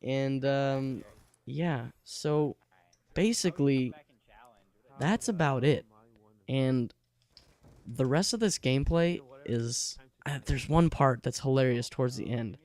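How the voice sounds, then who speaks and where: Teen guy gamer at his computer, chatty and rambling, warm smooth tone. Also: mid-range voice, slow, pauses often. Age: late teens. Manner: rambling, chatty, laughs often. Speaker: gaming channel host. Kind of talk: casual gameplay commentary. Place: alone at home by his computer.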